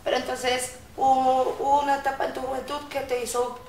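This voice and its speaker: A woman interviewer asking gentle questions. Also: high voice, little pitch movement, a little fast, slight background noise. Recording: roomy sound, a bit off mic.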